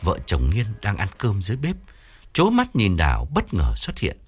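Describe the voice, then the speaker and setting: A man narrating an audiobook story in a steady storytelling manner. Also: on the low side, moderate pace, husky. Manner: steady storytelling, voices each character.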